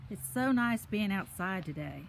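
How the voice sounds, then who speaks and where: Out on a park trail, a woman reads a picture book aloud to children, turning to them with simple, chatty, encouraging asides. Her medium-pitched voice is animated, with vocal fry, at normal speed, and the poor audio carries a bit of hiss or hum.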